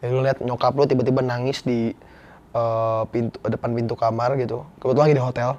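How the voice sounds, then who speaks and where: A man's voice: mid-range voice, level tone, fast talker, darkish tone, highs cut off. A young man, a guest actor telling a personal story in casual, slangy, earnest talk. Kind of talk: casual interview chat.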